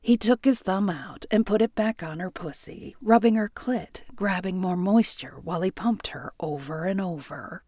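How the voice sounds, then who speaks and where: A woman narrating a romance audiobook in a soft, intimate delivery that often drops near a whisper. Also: mid-range voice, normal speed, few pauses, no echo, studio quality.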